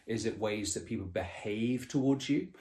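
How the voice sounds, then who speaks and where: A man with a fairly low voice talks through his ideas on a podcast. He explains patiently and reflectively, often restarting his sentences mid-thought. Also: moderate pace, darkish tone. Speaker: podcast co-host. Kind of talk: conversational podcast discussion.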